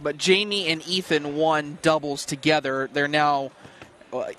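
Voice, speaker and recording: A man's voice: a little high, fairly even intonation, unhurried, bright, forceful tone, a little hiss or hum. A man commenting on a cornhole tournament from a booth, analytical and bantering with his co-host. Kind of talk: casual sports commentary.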